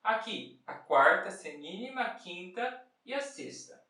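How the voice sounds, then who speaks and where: A patient music teacher walks through rhythms one bar at a time, posing questions and then answering them. The voice sits at an ordinary middle pitch and chants short rhythm syllables. It is picked up from a distance in a strongly echoing room. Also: big pitch swings, a little slow, bright, forceful tone. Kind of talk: step-by-step music lesson. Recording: very echoey room, mic far off.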